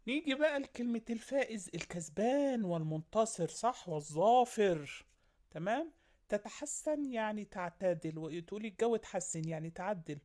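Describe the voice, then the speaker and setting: A woman's voice: lowish voice, a little mellow. A woman with an Egyptian accent teaching a primary school vocabulary lesson. She lists synonyms and keeps checking in with her young pupils. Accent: Egyptian Arabic.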